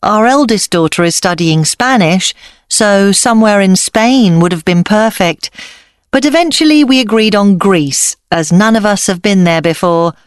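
An actress playing an easygoing mother chatting in a scripted dialogue, friendly and clearly enunciated. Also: medium pitch, animated, moderate pace, no echo, clean studio sound, natural voice. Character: easygoing mother chatting about family holiday.

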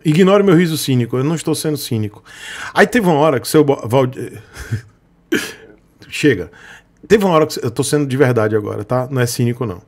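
With a medium, expressive voice, he talks briskly but leaves long pauses. The motorcycle vlogger, who has a Brazilian Portuguese accent, jokes sarcastically with his live-stream chat in a casual rant full of chuckles.

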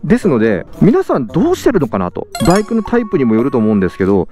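A man's voice: mid-range voice, huge pitch swings, very fast, warm tone, faint music behind. A young man vlogging about his motorcycle gear outdoors in a parking lot, talking from inside a full-face helmet and often stopping to correct himself. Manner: chatty, frequent fillers and self-corrections. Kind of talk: casual vlog talk. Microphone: helmet-mounted mic, speaking inside a full-face helmet.

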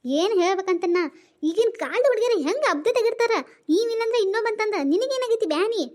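In a family drama skit, a woman with a North Karnataka Kannada accent plays a fretful mother, speaking in very high, rapid bursts with a slightly mellow quality. She coaxes her daughter, scolds quickly, and is fast to defend herself.

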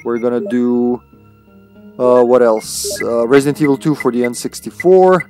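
This streamer from Serbia, a native Serbian speaker, gives loose, joking gameplay commentary with some cursing as he talks with his chat. He has a mid-range, slightly mellow voice at a moderate pace, and soft music plays in the background.

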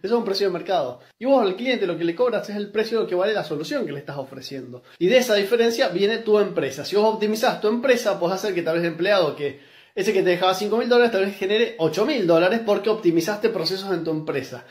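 A man's voice: high voice, animated, fast. A man in his thirties with a Rioplatense Spanish accent, giving blunt, emphatic business advice straight to a phone camera in a small room at home. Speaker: business content creator. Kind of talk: direct-to-camera advice monologue. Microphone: phone camera held close.

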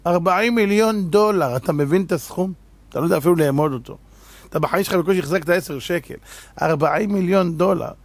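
A man voicing an excitable, pushy male lottery stand owner who talks eagerly and insistently. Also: high voice, no room sound. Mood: excited.

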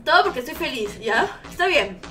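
A young woman with a high voice and a brisk pace streams a game live, chatting with her viewers. She's excitable, shrieking and swearing as she plays.

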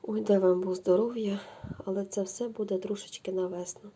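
A woman's voice: medium pitch, steady tone, fairly quick, mellow, a little hiss or hum. A middle-aged woman, chatting effusively to viewers as she shows knitting yarn at home. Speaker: knitting vlogger. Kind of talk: casual show-and-tell chat.

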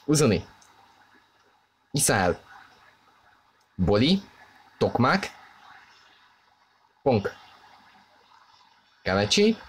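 A man giving excited play-by-play football commentary, often in terse bursts of player names. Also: medium pitch. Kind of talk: play-by-play football commentary over a video game match. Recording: clearly noisy, game stadium ambience behind. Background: video game stadium ambience.

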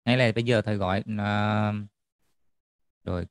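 A man's voice: lowish voice, fairly even intonation, normal speed, smooth, no echo, studio quality. A man tutoring a math class online, checking in often with students as he explains. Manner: checks in often with students, repeating "được chưa?".

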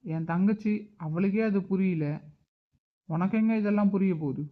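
A man voicing a hurt, stubborn uncle who scolds and grieves in an animated drama. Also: high-pitched, moderate pace, phone-quality sound, natural voice. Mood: reproachful. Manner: reproachful, emotional. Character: hurt, stubborn middle-aged uncle, angry but grieving.

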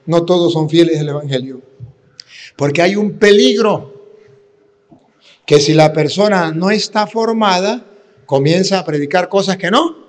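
Preaching priest in a reverberant hall. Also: male voice, high voice, unhurried, long pauses. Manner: teaching, asks the audience questions. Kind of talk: sermon. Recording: long reverb of a large hall.

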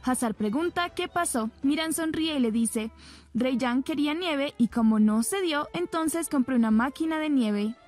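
A woman's voice: high-pitched, expressive, normal speed, a little mellow, soft background music. A woman narrating a recap of a TV drama episode, retelling scenes and reading the characters' lines in her own plain voice. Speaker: soap opera recap narrator.

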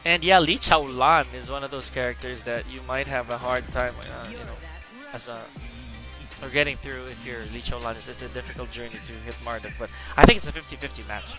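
A man giving casual live-stream game commentary, chatty and excitable as he greets viewers. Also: medium pitch, fairly quick, over music.

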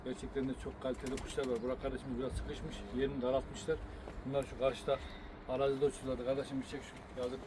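A man's voice: mid-range voice, level tone, quick pace. A man hosting a casual outdoor video, chatting to viewers and prompting a breeder, with pigeons cooing around him. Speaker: host presenting pigeons for an auction. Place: outdoors beside a pigeon coop. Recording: noisy outdoor recording with birds cooing. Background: cooing pigeons and outdoor noise.

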